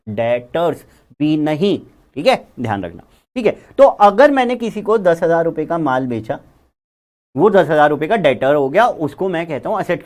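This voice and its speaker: Animated male accounting teacher. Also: sits high. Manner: animated, repeats key words, chatty. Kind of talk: classroom lecture.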